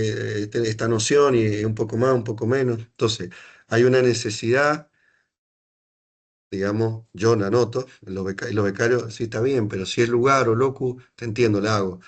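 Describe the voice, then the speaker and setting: A middle-aged Argentine man, a geography lecturer, talking in an academic panel discussion, full of restarts, asides and rhetorical questions. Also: lowish voice. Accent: Argentine Spanish.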